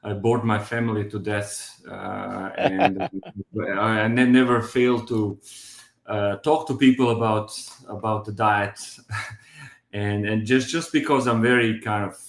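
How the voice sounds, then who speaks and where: A man's voice: lowish voice, steady tone, a little slow, vocal fry, roomy sound. Man in his fifties, hesitant. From Croatia. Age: 50s. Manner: hesitant, many fillers and restarts. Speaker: guest sharing his diet story. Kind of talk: casual testimonial.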